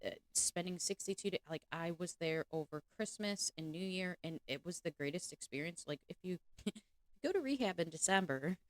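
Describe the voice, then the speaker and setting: A woman from Chicago talks in an open, chatty way and laughs easily. Her voice sits very low for a woman. The sound is dry and close, with no room echo. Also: lively intonation, moderate pace. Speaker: guest, convention organizer. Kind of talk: casual podcast chat.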